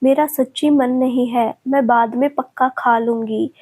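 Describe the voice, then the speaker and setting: A woman's voice: sits high, fairly even intonation, a little slow, darkish tone, breathy edge. A woman narrator voicing a heartbroken young woman in love who speaks tearfully and pleads.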